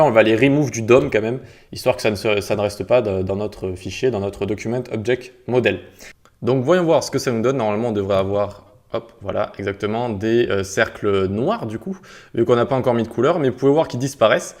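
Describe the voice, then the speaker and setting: In a screen-recorded coding tutorial, a web development instructor walks viewers through each step casually. His voice is lowish, fairly quick and a little mellow, and he sprinkles in sound words like "tac" and "hop" as he clicks.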